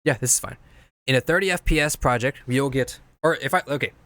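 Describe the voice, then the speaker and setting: There's no echo as a man streams, reviewing viewer edits and casually teaching video editing. He speaks briskly in a medium-pitched, slightly bright voice, rambling and repeating himself as he goes through things step by step.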